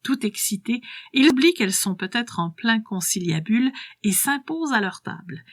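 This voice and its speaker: A woman narrating a scripted story in a soft, hushed voice that slips into whispering. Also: on the high side, lively intonation, moderate pace, no room sound.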